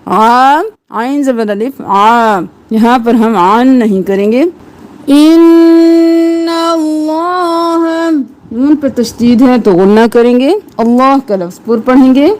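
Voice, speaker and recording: Female tajweed teacher, high voice, patient letter-by-letter drills with slow chanted recitation. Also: a little mellow. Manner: breaks words into letters and vowels, slow drawn-out recitation. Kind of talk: tajweed lesson, explaining and reciting slowly.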